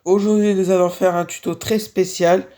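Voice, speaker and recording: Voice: medium pitch, little pitch movement, normal speed, mellow. A speaker a little sick, hesitantly narrating a casual game-building tutorial and repeating the same filler phrases. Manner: hesitant, repeats "voilà" and "on continue". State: slightly sick, sneezing. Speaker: Minecraft building tutorial creator.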